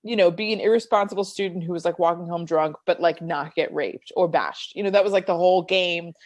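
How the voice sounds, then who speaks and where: A woman in her thirties with a New York accent, co-hosting a casual podcast chat, animated and swearing freely. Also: lowish voice, brisk. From United States. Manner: animated, swearing, laughs often, puts on voices for quotes. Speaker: podcast co-host.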